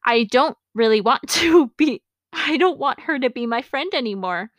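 A woman's voice: high-pitched, expressive, moderate pace, no echo. A woman hosting a podcast, reading her childhood journal entries aloud and breaking off for amused, self-mocking comments and laughs. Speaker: podcast host.

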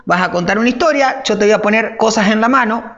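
A woman's voice: a little high, quick pace, lo-fi sound. A woman co-hosting a casual chat, teasing and playful as she talks.

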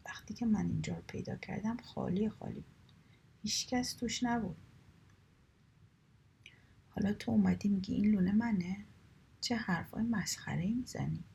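A woman voicing a quarrelsome, hot-tempered male squirrel in a children's storybook, speaking loudly and indignantly. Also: mid-range voice, vocal fry, slightly rough. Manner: loud, indignant.

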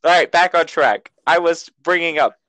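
A man's voice: on the high side, normal speed, sharp tone, no echo, poor audio. A man co-hosting a podcast in casual banter, rambling, stumbling over words and laughing often. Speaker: podcast co-host.

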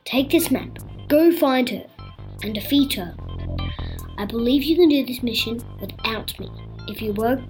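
A woman's voice: on the high side, unhurried, darkish tone, soft background music, natural voice. A woman voicing a kindly male monster king in a children's story, fond and welcoming toward visitors. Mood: earnest. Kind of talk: storybook character voice.

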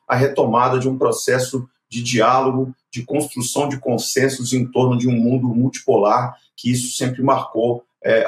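A man's voice: mid-range voice, reverberant. A man giving news commentary, padding his explanations with many fillers.

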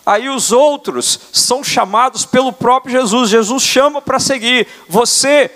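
An older man from Brazil preaching a sermon as apostle, earnest, often adding quick tag questions. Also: very high-pitched, sharp tone. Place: church sanctuary. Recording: church hall reverb.

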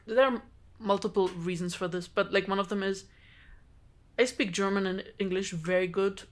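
A podcast co-host, a woman from Georgia who is a native Georgian speaker, shares a personal story in a casual group conversation. Her voice is medium-pitched at a moderate pace, with animated bursts and laughter between phrases.

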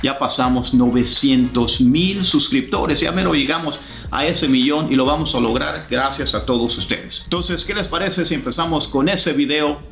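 A man hosting a casual language lesson, explaining phrases and repeating them slowly for learners. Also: fairly high pitch, a bit bright, roomy sound, soft background music. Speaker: English teacher and channel host.

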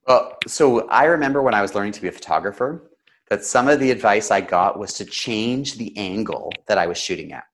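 A man who is slightly sick, coaching conversationally with examples in a practised storyteller's delivery, with emotion and deliberate pauses. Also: fairly low pitch, expressive. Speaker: storytelling coach and interview guest.

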